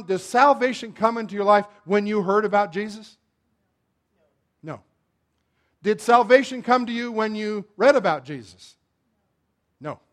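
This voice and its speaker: A man preaching a sermon, asking the congregation for responses and swinging between loud emphatic lines and quiet asides. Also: high voice. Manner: call-and-response questions to the congregation.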